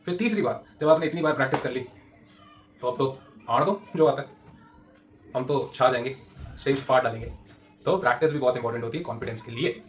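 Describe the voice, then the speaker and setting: A man in his thirties speaks at a quick, tumbling pace, mid-pitched and conversational. He shares tips with aspiring actors in a loose, animated coaching chat, full of fillers. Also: soft background music. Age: 30s. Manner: fast, chatty, animated storytelling with frequent fillers and laughs. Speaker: TV actor giving acting tips. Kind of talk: casual advice talk to aspiring actors.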